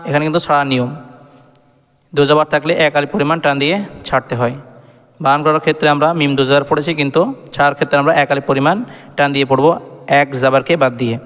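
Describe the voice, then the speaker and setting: A man with a Bangladeshi Bengali accent guides beginners through Quran reading in a slow, steady chant. His voice is smooth and resonant, kept fairly flat in pitch, and it rings with long reverb over faint background music. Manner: slow, drawn-out melodic chanting of Arabic syllables. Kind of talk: recitation lesson, spelling and chanting words.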